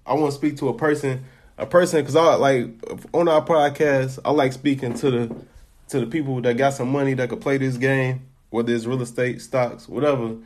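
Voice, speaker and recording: A man's voice: medium pitch, steady tone, normal speed, a little mellow. A man hosting a podcast, talking in a laid-back slangy way, often repeating words as he thinks. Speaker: podcast host. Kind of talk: casual podcast chat.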